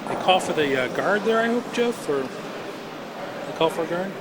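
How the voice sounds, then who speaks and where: Man, slightly high voice, live curling commentary, understated hesitant delivery, very noisy recording with loud venue ambience. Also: lively intonation, a little slow.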